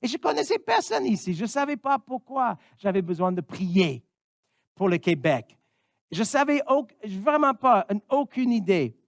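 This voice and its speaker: A man's voice: extremely high pitch, big pitch swings, a little slow, no room sound. A man in his fifties from Missouri, a pastor, preaching a sermon in an earnest way and often saying amen. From Missouri, United States.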